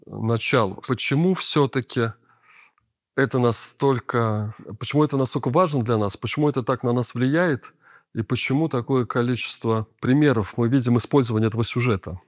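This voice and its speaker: A man giving an unscripted lecture, explaining at a thoughtful pace with frequent filler pauses. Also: medium pitch, dry recording, clean studio sound.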